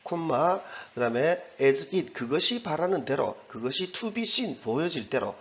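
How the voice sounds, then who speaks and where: Guy walking through english grammar in korean, bouncy voice, kinda higher, muffled sound. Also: sing-song, a little slow. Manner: explains step by step, pointing at the text on the board; mixes English terms into Korean explanation. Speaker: English teacher. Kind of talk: recorded exam-prep lecture.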